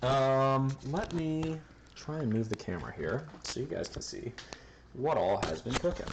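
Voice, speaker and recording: Cooking on a livestream in his home kitchen, a man chats casually with his viewers, throwing in the odd swear word and counting numbers aloud. He speaks a little slowly in a mid-range voice with lively intonation. The phone-camera recording has a noisy background.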